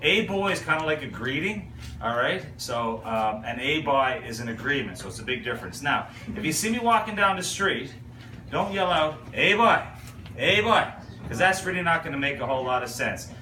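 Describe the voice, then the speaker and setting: A man's voice: mid-range voice, sing-song, brisk. A man with a Newfoundland accent hosting a joking lesson, playfully drilling the crowd in call-and-response. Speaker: host teaching visitors local sayings. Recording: echoey room from far off with loud noise.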